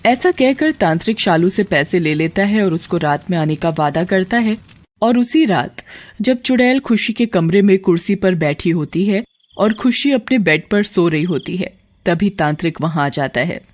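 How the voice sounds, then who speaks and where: A storyteller narrates a spooky cartoon tale. The delivery is steady and plain, at a middle pitch. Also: normal speed.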